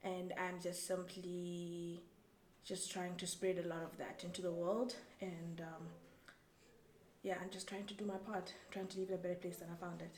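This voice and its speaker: A young woman from Zambia, whose first language is Tumbuka, answering interview questions in a thoughtful, halting way with many restarts. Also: lowish voice, level tone, darkish tone. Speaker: guest. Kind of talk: casual interview. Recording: echoey room, faint background noise.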